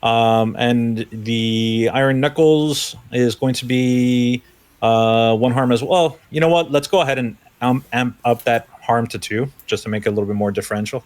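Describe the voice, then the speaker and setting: A man's voice: medium pitch, moderate pace, a little mellow. A man running a tabletop game as game master, narrating loosely with many fillers.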